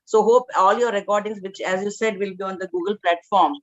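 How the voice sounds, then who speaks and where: A woman's voice: mid-range voice, steady tone, brisk. Indian lady lecturer introducing herself on an online class, muffled sound, no echo. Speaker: college lecturer attending an online course. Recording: dull, dry online call audio.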